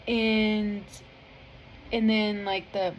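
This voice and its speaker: A woman speaks straight to her viewers in a loose, chatty testimony. Her voice sits at an ordinary middle pitch, and she wanders through her story with ums and restarts. She is soft-hearted and sincere, the kind who cries easily when talking about her faith. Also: little pitch movement, extremely slow, slight background noise, low-quality recording. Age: adult with a family. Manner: earnest and heartfelt, rambling with many fillers; emotional, easily moved to tears. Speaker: vlogger sharing a faith testimony. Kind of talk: casual spoken testimony.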